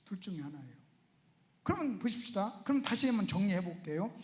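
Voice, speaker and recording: A man's voice: sits high, big pitch swings, fairly quick. A male pastor preaching at a Bible seminar in a church, often putting rhetorical questions to the audience. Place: church sanctuary. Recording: roomy church echo.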